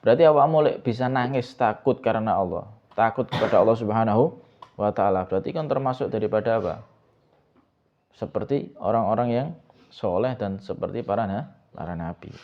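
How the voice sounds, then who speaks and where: A man's voice: fairly low pitch, brisk, lo-fi sound. A man teaching a pesantren kitab lesson as an ustaz. He reads the Arabic text, explains it, and keeps asking his students questions. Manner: asks students questions over and over, mixes in Javanese words.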